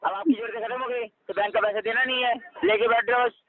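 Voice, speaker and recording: A man's voice: very high voice, fairly even intonation, fast talker. A man working as a loan recovery agent on a phone call, pressing a customer for payment and repeating his demands. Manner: pushy, repeats demands insistently. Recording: tinny phone line.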